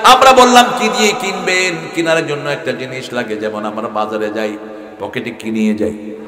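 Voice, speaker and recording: Fiery preacher in an echoing hall. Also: male voice, normal speed. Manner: swings between loud rising questions and low quiet asides, chants verses. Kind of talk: sermon. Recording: echoey hall with long reverb.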